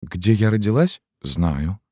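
A frightened young peasant mother answers in a timid, faltering voice, as a man puts her on. Her pitch is raised above the reader's deep register. The recording is dry and close. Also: big pitch swings, slow pace, warm tone, no room sound, heavily acted. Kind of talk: audiobook narration.

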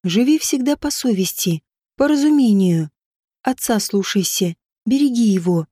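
A woman reading an audiobook voices a dying noblewoman, a witch mother who is stern with servants and tender with her daughter, speaking low, muffled and breathy. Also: lively intonation, normal speed, mellow, dry recording, clean studio sound. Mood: tender, fading.

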